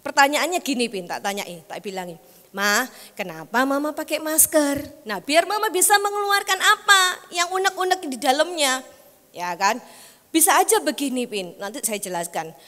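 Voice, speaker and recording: A woman's voice: sits high, big pitch swings, normal speed, bright, forceful tone. Woman preaching in echoey hall. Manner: conversational, voices quoted family members. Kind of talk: sermon with acted-out family anecdotes. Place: church hall.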